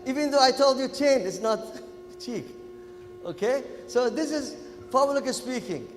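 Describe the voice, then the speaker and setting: A man from Kuwait with a Gulf Arabic accent, a native Arabic speaker, giving an animated, informal interactive lecture to students and often checking in with them. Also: very high-pitched, measured pace, a little hiss or hum. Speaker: public speaking workshop lecturer. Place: echoey event hall. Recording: echoey hall, music in the background.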